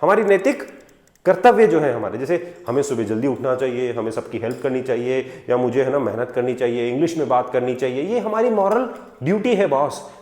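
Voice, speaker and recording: Lively Indian man teaching English, echoey. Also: fairly high pitch. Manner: lively, asks rhetorical questions, repeats example sentences slowly. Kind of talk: classroom lesson mixing Hindi and English.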